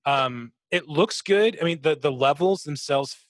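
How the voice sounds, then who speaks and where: This podcast co-host has a slightly high male voice and an unhurried way of chatting about video games. He curses without restraint and adds vocal sound effects. The audio is very dry, with no room sound at all.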